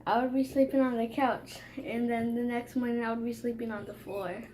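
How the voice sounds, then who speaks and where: A woman with a fairly high voice speaks haltingly as she tells a story at the kitchen table. Clinking dishes and cutlery sit clearly behind her. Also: level tone, darkish tone, a little hiss or hum, low-quality recording. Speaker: co-host. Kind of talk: casual mukbang chat. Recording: dish clatter under the voice.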